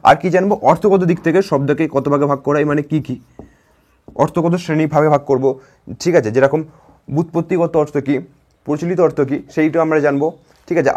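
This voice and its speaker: A male teacher gives a fast-paced grammar lesson to children in a slightly high, darkish voice. He repeats key terms again and again and often checks in with "ঠিক আছে?" ("all right?").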